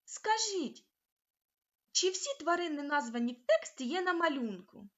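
Slow, careful woman teaching phonics. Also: very high voice, big pitch swings, a bit bright, highs cut off. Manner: slow, careful, sounding out letters and asking the children questions. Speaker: primary school teacher. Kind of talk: recorded phonics lesson for children.

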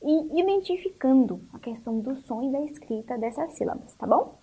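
A woman teaching an online lesson for young children with a Brazilian Portuguese accent, slow and encouraging, asking questions and answering them herself. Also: sits high, lively intonation, mellow, breathy edge. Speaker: primary school teacher.

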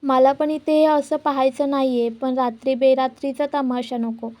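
A woman's voice: high-pitched, flat delivery, normal speed, dark tone, dry recording, lightly acted. A woman reading the lines of a stern, cautious middle-aged mother who speaks with restraint.

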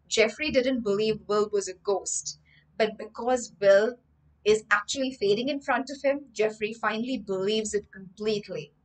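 With a mid-range voice on a low-quality recording, a young woman livestreams from home via webcam, expressively reading a story aloud and regularly stopping to explain words as a teacher and storyteller.

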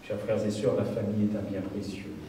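A man's voice: on the low side, flat delivery, fairly quick. A man preaching a sermon as a visiting preacher, talking in a conversational way and praying solemnly. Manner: warm, conversational address, solemn in prayer. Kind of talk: sermon with prayer and storytelling. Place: church sanctuary. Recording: echoey church, far from the mic, background noise.

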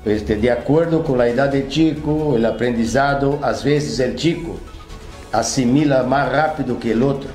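A man in his sixties with a Brazilian accent speaks in a mellow, darker voice. He talks in a relaxed, unhurried way with frequent fillers. The studio sounds echoey, with faint music underneath. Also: mid-range voice. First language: Portuguese. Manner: relaxed, hesitant with many fillers. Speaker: football academy director. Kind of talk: casual interview answers. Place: television studio.

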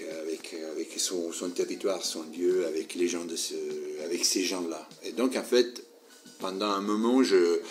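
Low-voiced Italian man in an interview. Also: darkish tone, a little hiss or hum. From Southern Italy. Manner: hesitant, many fillers and restarts. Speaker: guest interviewee. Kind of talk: casual interview.

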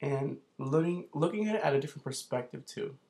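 A man's voice: medium pitch, expressive, a little fast, gravelly, darkish tone. A young man vlogging casually to camera as a film reviewer, rambling and joking with a self-promoting streak.

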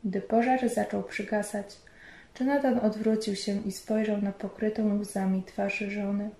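A woman narrating a story in a measured, storytelling manner. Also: medium pitch, little pitch movement, warm tone. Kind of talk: scripted narration. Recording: roomy echo.

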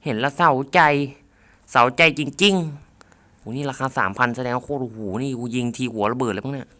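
A man giving playful, jokey commentary on a mobile zombie game, bursting into shouts and mock samurai lines. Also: mid-range voice, fairly quick.

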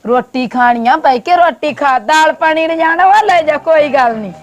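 A woman acting in a comedy short film, scolding and protesting quickly. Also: sits high.

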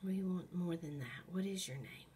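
A woman talking to a ghost in a coaxing, soothing way, asking gentle questions in a slightly husky voice that often drops toward a whisper. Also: on the low side, moderate pace, slight background noise. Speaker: paranormal investigator running a spirit session.

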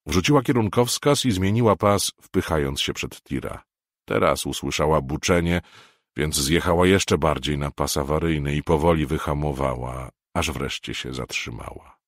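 A man from Poland reading a novel aloud as an audiobook narrator, measured and expressive. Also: extremely low pitch, dry recording, studio quality.

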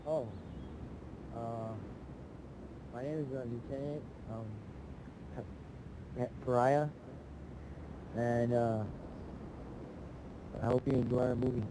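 A man giving a halting, casual introduction to an amateur game video. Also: medium pitch, fairly even intonation, background noise. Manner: halting, hesitant. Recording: music behind the voice.

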